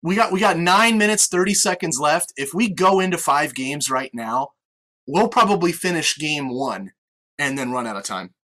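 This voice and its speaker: A man's voice: a little high, expressive, normal speed, pushed and bright. An American man hosting a casual sports podcast, chatting conversationally over an online call. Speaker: podcast host with on-air experience. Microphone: online video meeting call.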